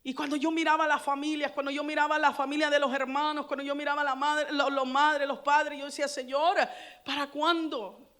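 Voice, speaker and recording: High, bright-voiced woman preaching fervently. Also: flat delivery, brisk. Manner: fervent preaching, repeating phrases, rising to loud exclamations. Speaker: pastor. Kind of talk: sermon.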